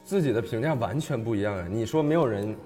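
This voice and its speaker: A man's voice: medium pitch, expressive, fast, long reverb tail, music in the background. A man from Taiwan with a Taiwanese Mandarin accent, teasing and chatting casually on a talk show. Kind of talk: casual chat over a meal.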